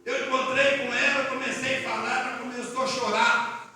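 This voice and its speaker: A man preaching a fervent Pentecostal sermon in a church, at times rising to shouted declarations. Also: very high-pitched, flat delivery, moderate pace. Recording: echoey church hall, mic at a distance.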